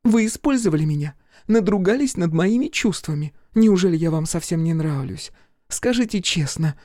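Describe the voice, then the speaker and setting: A capricious young woman, voiced by a woman in an audiobook, theatrical and wheedling. Her voice sits low and mellow, recorded dry and close. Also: expressive, moderate pace, no room sound. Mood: indignant. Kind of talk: audiobook character acting.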